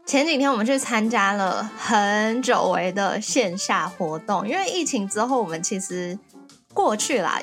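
Woman, young adult, from Taiwan, podcast co-host, casual storytelling, animated, faint music behind. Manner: lively, animated storytelling with rising excited pitch.

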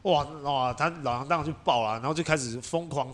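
A man's voice: mid-range voice, fast, a bit bright. A young man with a Taiwanese Mandarin accent, hosting a podcast and telling a story in casual chat. He acts out quoted voices and laughs often. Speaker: podcast host.

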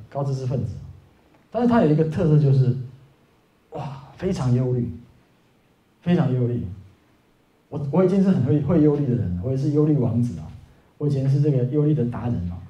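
A man's voice: mid-range voice, warm tone. Man preaching in a roomy hall. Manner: conversational, rhetorical questions, frequent "ah" and "oh" fillers. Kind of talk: Sunday sermon. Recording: roomy, slightly dull church recording.

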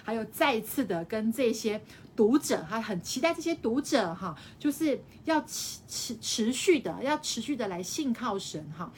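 A woman with a somewhat high voice teaches scripture to an online study group. She restates each idea and tags her sentences with a soft "ha". A faint background hum runs under her voice. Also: expressive, moderate pace. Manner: explains by repeating phrases, tags sentences with a soft "ha". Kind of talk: live-streamed Bible study teaching.

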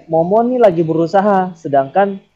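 A man's voice: high-pitched, lively intonation, normal speed. A young man co-hosting a casual podcast, talking through a theory step by step with plenty of fillers and restarts. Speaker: podcast co-host. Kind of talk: casual chat. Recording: dull lo-fi podcast audio.

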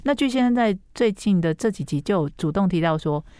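A woman's voice: medium pitch, animated, a little fast, mellow, clean tone, no room sound, studio quality. A woman chatting on a podcast, retelling scenes at length. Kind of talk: casual podcast chat.

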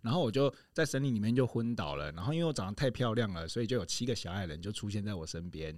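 A man's voice: lowish voice, animated, rapid-fire, a little mellow, dry recording, studio quality. A man, a podcast guest telling a fairy tale playfully and hamming it up. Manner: hammy, casts himself as the princess. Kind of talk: playful storytelling.

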